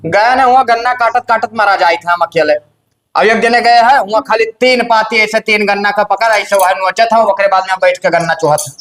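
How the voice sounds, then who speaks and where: A man's voice: sits high, brisk, a bit bright. A man plays an exasperated young village man with an Awadhi accent in a rustic comedy skit. He grumbles and scolds his family over the farm work. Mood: grumbling. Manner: grumbling, scolding dialect speech.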